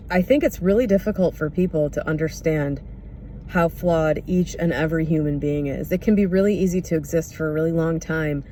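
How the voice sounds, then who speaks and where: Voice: medium pitch, dark tone. Candid, hesitant speaker over background noise. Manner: candid, hesitant, searching for words. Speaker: podcast or vlog host. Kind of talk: unscripted reflective monologue.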